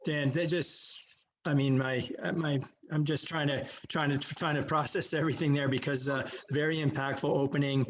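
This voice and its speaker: Flat-voiced man moderating a panel. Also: mid-range voice. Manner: halting, searches for words.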